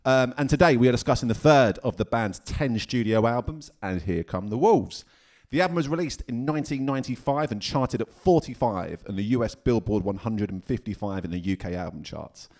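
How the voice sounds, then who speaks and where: A man's voice: mid-range voice, darkish tone. A man in his thirties hosting a music podcast, jokey and matey, who swears freely. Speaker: podcast host. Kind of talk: casual chat.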